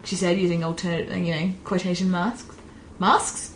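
A woman's voice: on the low side, level tone, normal speed, a little hiss or hum. A woman, a guest on a casual podcast, chatty and fond of saying "like". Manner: chatty, frequent "like".

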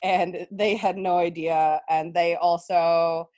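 A young American woman who teaches sixth grade is a guest in a conversational interview, speaking earnestly and explaining things, often saying "um" and "right?". Her voice is lowish, mellow, and steady, and she talks slowly.

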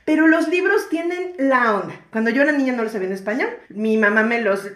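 A woman with a Mexican Spanish accent co-hosts a casual podcast chat about books, talking in slang and laughing often. Her voice sits on the high side and sounds expressive, fast, and a bit bright, recorded in an echoey room.

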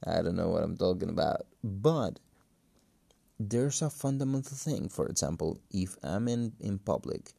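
A man who is a non-native English speaker, talking casually and haltingly in a solo podcast, with a cracking voice. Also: sits low, animated, gravelly, mellow, no room sound. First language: not English. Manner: halting, hesitant, thinking aloud. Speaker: podcast host. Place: empty room. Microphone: phone.

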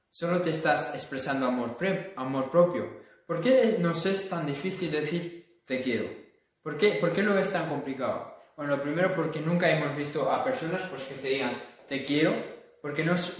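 A man with a Spain Spanish accent giving an earnest self-help talk, full of rhetorical questions. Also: on the high side. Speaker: motivational vlogger. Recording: very echoey room.

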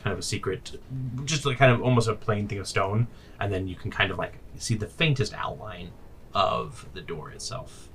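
A man's voice: fairly low pitch, moderate pace, a bit bright. A man acting as game master, casually narrating and refereeing a tabletop role-playing game. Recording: slightly distant mic, faint noise.

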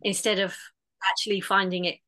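A woman's voice: medium pitch, little pitch movement, brisk, bright, forceful tone. A woman in casual conversation, talking in an earnest, reflective way with many restarts. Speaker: podcast guest.

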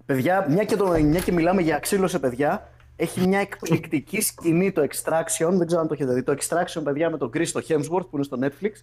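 A man's voice: a little high, darkish tone. A young man hosting a casual podcast chat, bantering loosely with friends and laughing often. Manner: laid-back banter, frequent laughing and swearing. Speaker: podcast host.

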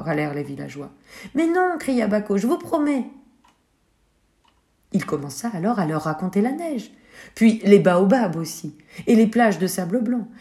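A woman narrating a children's story in a gentle, soft manner, sometimes dropping to a whisper. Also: medium pitch.

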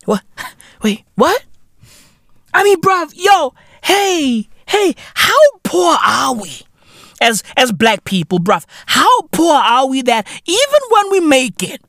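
A man from Africa, hosting a podcast in a loud, rambling, profane comedic monologue full of slang and laughter. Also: very high voice, big pitch swings, slow pace, no room sound, studio quality. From South Africa. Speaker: podcast host.

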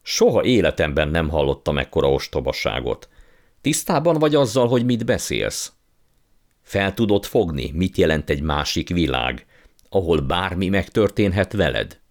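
Man playing a blustering old magician uncle, condescending, pompous, deep voice, storybook. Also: sing-song. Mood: outraged.

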